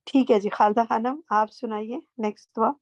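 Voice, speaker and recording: A woman with a fairly high voice and a steady tone teaches a Quran translation class online, calling on students and gently correcting their pronunciation. The recording is dry and dull.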